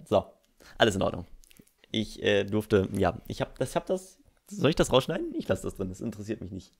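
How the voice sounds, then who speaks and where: A man's voice: on the low side, very animated, a little fast, vocal fry, slightly rough. A young man with a German accent giving casual, rambling gameplay commentary as a let's play host, swearing freely and poking fun at himself.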